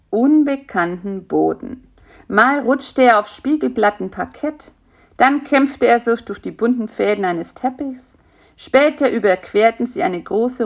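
A woman narrating a children's storybook in an even, gentle reading voice. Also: mid-range voice, vocal fry.

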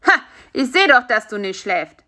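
A woman voicing an excitable, kind-hearted male spider who talks in a lively, brash way. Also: fairly high pitch, normal speed. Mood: excited.

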